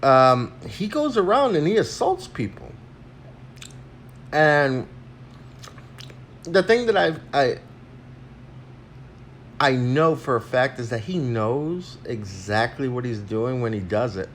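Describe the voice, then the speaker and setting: Rambling, animated man on a phone stream. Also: medium pitch, takes it slowly, long pauses, a little hiss or hum. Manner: crude, rambling, frequent fillers. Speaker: vlogger. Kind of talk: casual livestream rant.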